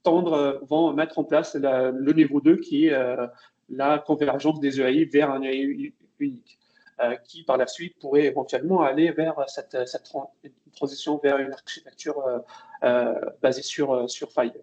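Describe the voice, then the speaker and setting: A man's voice: medium pitch, fairly even intonation, moderate pace, darkish tone. Hesitant man presenting a webinar. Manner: hesitant, many fillers and restarts. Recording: dull lo-fi webinar audio.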